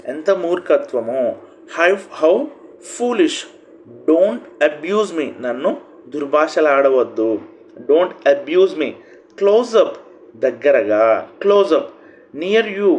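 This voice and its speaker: A man with a Telugu accent teaches English phrases one at a time. His pitch jumps and swings widely as he stresses each phrase, and he speaks slowly. A faint hiss sits under the recording. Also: highs cut off. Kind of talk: phrase-by-phrase language lesson.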